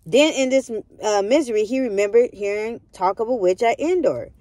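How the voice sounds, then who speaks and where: A young vlogger reads a Bible story aloud in a relaxed video, often pausing to preach forcefully and address her listeners directly. She speaks at a normal speed with a warm, fairly high voice and lively intonation, and there's no room sound.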